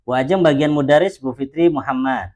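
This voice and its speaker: A man teaching a language class, patiently repeating words and modeling example phrases slowly. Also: mid-range voice, a little mellow. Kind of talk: language lesson explanation.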